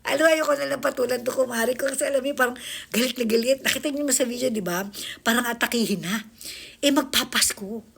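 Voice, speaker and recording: A woman's voice: a little high, fast, gravelly, fairly bright tone, husky. A woman vlogger giving casual reaction commentary, mocking, laughing often and swearing as she talks.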